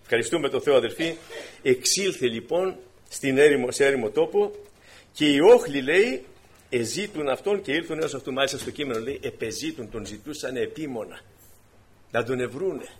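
A man preaching a sermon to his congregation, swinging from quiet explanation to emphatic, raised exhortation. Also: medium pitch, animated, breathy edge. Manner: preaching with emphatic rises and drops, addressing brothers.

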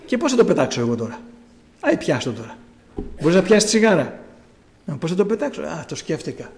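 A man's voice: fairly high pitch, a little mellow. A man giving a personal testimony to a church, telling his story and acting out his own past words.

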